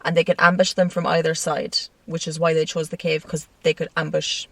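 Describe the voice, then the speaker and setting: A woman's voice: sits low, little pitch movement, fairly quick, creaky, fairly bright tone, no echo, far from the mic. A woman co-hosting a casual true-crime podcast, telling the story with frequent laughs and swearing. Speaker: podcast co-host. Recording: dry sound, set back from the mic.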